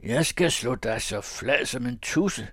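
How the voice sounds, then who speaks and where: A man voicing a brash, scornful young farmer's son who shouts taunts as he picks a fight. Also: mid-range voice, lively intonation, dry recording, clean studio sound, pitched above the performer's own voice. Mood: taunting. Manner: loud and taunting.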